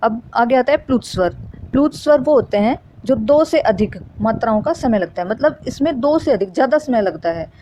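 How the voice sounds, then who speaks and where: A woman with a higher-pitched, mellow voice and lively intonation speaks briskly over slight background noise. She teaches a Hindi grammar lesson for exam preparation, explaining step by step and repeating key terms.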